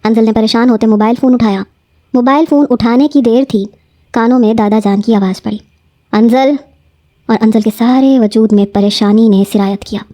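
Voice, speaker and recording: A woman narrating a romance novel in a steady, measured reading voice. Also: fairly high pitch, no echo, clean studio sound.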